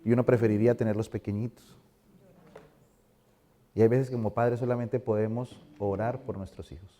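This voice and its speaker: A man's voice: lowish voice, steady tone, moderate pace, dark tone. A middle-aged male pastor giving a conversational sermon in a church, asking the congregation questions.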